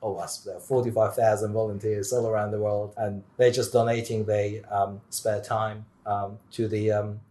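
A man speaking as a guest expert in a technical interview, animated, with many fillers and restarts. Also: on the low side, moderate pace, few pauses.

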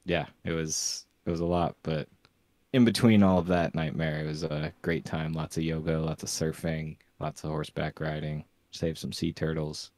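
A man with a low voice co-hosts a podcast and tells a rambling story, full of "um" and "uh". The sound is dry and close, with no room echo. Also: little pitch movement, moderate pace, darkish tone. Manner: rambling storytelling with many fillers. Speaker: podcast co-host. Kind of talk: casual podcast chat.

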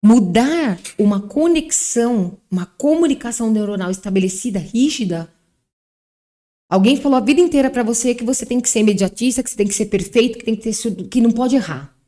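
A woman's voice: fairly high pitch, lively intonation, fairly quick, mellow. A woman, a psychologist guest on a podcast interview, explaining things and posing rhetorical questions.

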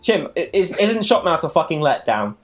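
A man's voice: on the high side, very animated, moderate pace, soft background music. A man hosting a podcast in casual banter, laughing, swearing and rambling. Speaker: podcast host.

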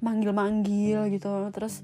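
Young woman podcast host, chatty and slangy, mellow tone. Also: mid-range voice, monotone, moderate pace. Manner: slangy, chatty, swears often. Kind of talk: casual storytelling podcast. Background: faint guitar music.

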